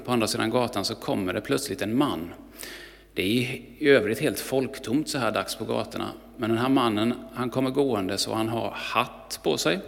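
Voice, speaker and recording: Male pastor, calm storytelling sermon, gravelly tone, reverberant church. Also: fairly low pitch.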